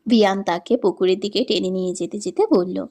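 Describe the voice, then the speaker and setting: A woman reading a romance story in scripted narration, with steady, even storytelling. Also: medium pitch, brisk.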